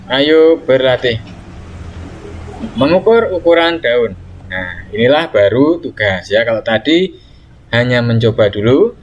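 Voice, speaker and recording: Young male teacher, mid-pitched, patient, explains with lots of fillers; faint vehicle noise behind. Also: highs cut off. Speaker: primary school teacher. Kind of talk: online lesson for young children.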